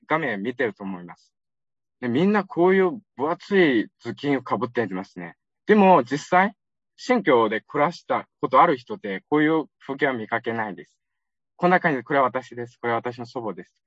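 A man from Xinjiang, China, giving a lively, conversational public lecture with frequent fillers. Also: medium pitch, slightly rough, no room sound. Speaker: guest lecturer. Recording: dull lo-fi recording, dry.

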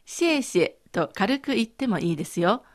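A woman co-hosting a scripted language lesson, modeling phrases slowly and clearly. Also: mid-range voice, sing-song. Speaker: co-host and Chinese pronunciation model.

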